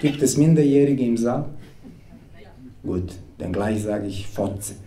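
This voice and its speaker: Slow and expressive, a medium-pitched, dark-toned Serbian man in his thirties reads from his comic book to a live crowd, wry and playful, at a stand mic set on a table. The roomy club is noisy with the audience's laughter.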